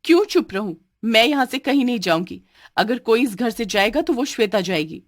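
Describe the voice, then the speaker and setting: A woman's voice: high voice, expressive, fairly quick, a little mellow, dry recording, studio quality, pitched above the performer's own voice. Mistreated young wife, defiant and pleading, done by a woman. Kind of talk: cartoon voice acting.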